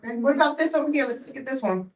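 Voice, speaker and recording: A woman's voice: sits high, lively intonation, racing, reverberant, far from the mic, rough recording. A woman tutoring a student in phonics, patient and encouraging, often checking in with "right?". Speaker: reading tutor. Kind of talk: one-on-one phonics lesson.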